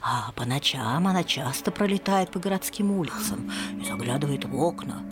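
A low, kindly voice of an old grandmother in a radio play. She tells tales in a calm, measured way. Clear music sits behind her words. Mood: storytelling.

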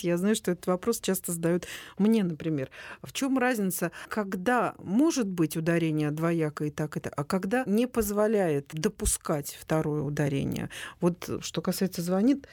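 A woman hosting a radio call-in show, moving briskly between callers and questions. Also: on the low side, a little mellow, dry recording. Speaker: radio host.

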